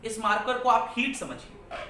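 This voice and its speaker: A man teaching physics speaks at normal speed in a high-pitched, expressive voice that sounds pushed and bright. He asks his class questions and repeats key terms, and the recording comes from a distance in a large echoey classroom with faint noise.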